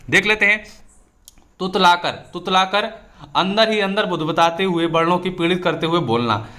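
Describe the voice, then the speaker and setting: A man's voice: on the high side, fairly bright tone. A young man, teaching an exam-prep lesson and explaining each point with everyday examples.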